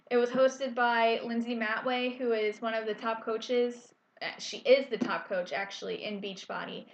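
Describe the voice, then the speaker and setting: A woman's voice: fairly high pitch, fairly bright tone, a little hiss or hum. A woman in her twenties telling a personal story in a candid, emotional way, with many fillers and restarts. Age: 20s. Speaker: vlogger. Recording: echoey room, dull lo-fi sound.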